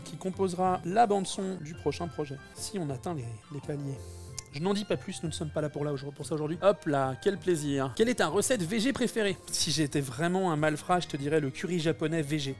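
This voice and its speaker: A man's voice: a little high, darkish tone. A man in his thirties chatting casually while he cooks live, joking and thanking his viewers. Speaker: cooking streamer. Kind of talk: live-stream cooking chat.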